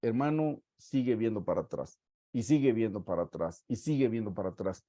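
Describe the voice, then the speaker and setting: A man with a Guatemalan Spanish accent preaching a sermon, reading scripture aloud and stressing words slowly for emphasis. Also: lowish voice, lively intonation, warm tone, no echo, studio quality. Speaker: pastor.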